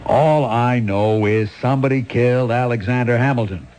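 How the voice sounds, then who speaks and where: A man's voice: medium pitch, darkish tone, a little hiss or hum, close to an everyday voice, rough recording. A man playing a dogged lieutenant from an old radio show. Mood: pressing. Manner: brisk, pressing questions. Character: dogged impatient male police lieutenant. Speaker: police lieutenant questioning witnesses. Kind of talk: old-time radio drama acting.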